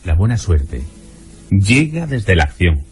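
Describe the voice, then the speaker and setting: Slow, deep-voiced man narrating over guitar. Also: sing-song. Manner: slow, measured, advising tone. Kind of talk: scripted reflective narration over music. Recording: guitar music underneath.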